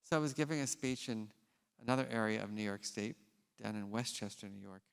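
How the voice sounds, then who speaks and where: A man and scientist giving a keynote on a large theater stage, telling stories in an animated, casual way. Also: on the low side, brisk, vocal fry, clean tone. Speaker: keynote speaker. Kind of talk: conference keynote with storytelling. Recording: long hall reverb in a theater.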